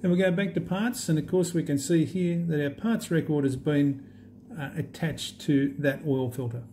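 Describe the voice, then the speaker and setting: A man walking through an app demo in a relaxed, halting way with many fillers. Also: a little high, slight background noise. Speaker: app demonstrator. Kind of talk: unscripted screen demo walkthrough.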